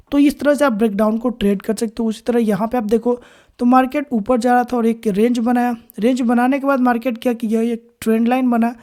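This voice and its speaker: A woman teaching a beginner trading lesson over charts, explaining step by step with frequent pauses and restarts, with terms. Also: fairly high pitch, dark tone. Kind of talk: screen-recorded chart lesson.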